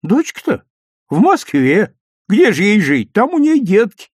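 A fussy old grandmother grumbles and scolds in a high, lilting voice, put on by a male reader. Her folksy chiding swoops up and down, recorded close and dry like a storybook audiobook. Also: huge pitch swings, measured pace, husky, dry recording, exaggerated voice. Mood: grumbling. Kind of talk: audiobook reading.

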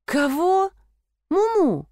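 A woman voicing a brash, crude, squabbling rich blonde woman who talks in loud, shrill, slangy outbursts. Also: big pitch swings, drawn-out words, no echo, studio quality, full character voice. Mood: shrill, startled.

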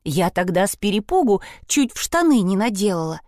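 A woman's voice: mid-range voice, big pitch swings, fairly quick, darkish tone, no room sound, studio quality, close to an everyday voice. A woman narrator voicing a timid, anxious young girl who frets and pleads. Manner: fearful, pleading.

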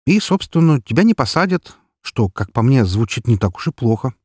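A man voicing a calm, cunning young man who corners a swindler in a carefree, mocking tone. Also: medium pitch, a little fast, slightly rough, no echo, studio quality, voice pushed up. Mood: businesslike.

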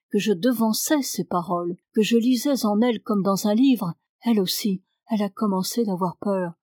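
A woman's voice: medium pitch, a little mellow, no room sound, clean studio sound, natural voice. A woman reading a pleading peasant man.

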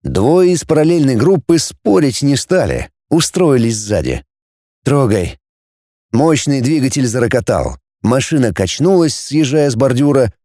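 A man narrates a storybook in a warm, mellow voice. His intonation is lively and expressive, and his pacing is measured. The recording is close and dry, with no room sound. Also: medium pitch, no echo. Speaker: audiobook narrator. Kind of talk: audiobook reading.

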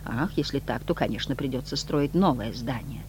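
A reader voicing an imperious, scornful male devil in a low, quiet, curt tone. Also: moderate pace, slight background noise, natural voice. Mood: dry. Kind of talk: audiobook reading.

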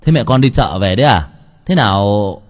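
A man's voice: lowish voice, animated, moderate pace, natural voice. A man voicing a panicked young father who stammers and wails in grief in an audio story. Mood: eager. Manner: frantic, stammering and wailing.

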